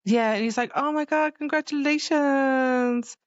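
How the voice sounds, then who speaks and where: A woman co-hosts a podcast, chatting casually about a book in a high voice at a measured pace. The close recording sounds dull and slightly muffled, with no room sound.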